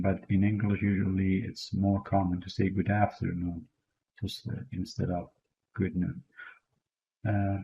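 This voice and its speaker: A man teaching a beginner language lesson, patiently repeating words slowly and praising the learner as he goes. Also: low voice, gravelly, mellow, muffled recording, a little hiss or hum. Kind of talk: slow spoken language lesson.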